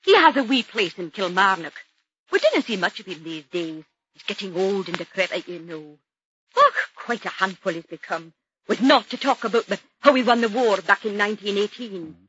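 A blunt Highland housewife. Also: female voice, bright, forceful tone, slightly rough. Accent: Scottish Highland. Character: sharp-tongued middle-aged Highland woman, blunt. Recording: dull lo-fi radio recording.

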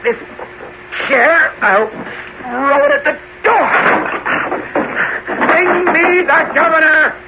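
An actor playing an imperious, desperate young imprisoned king in a radio costume drama, shouting commands. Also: very high-pitched, very slow, long pauses, heavily acted. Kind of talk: audio costume drama acting. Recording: very noisy, muffled radio-style recording.

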